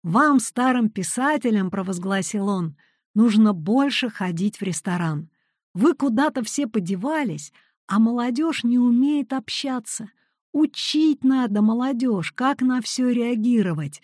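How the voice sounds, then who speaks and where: A woman's voice: a little high, animated, measured pace, darkish tone, no room sound, studio quality. A woman reading her own wry literary anecdotes aloud, with quoted dialogue.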